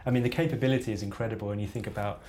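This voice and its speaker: Lowish-voiced male interviewer, casual. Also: fairly even intonation, racing, darkish tone, slight background noise.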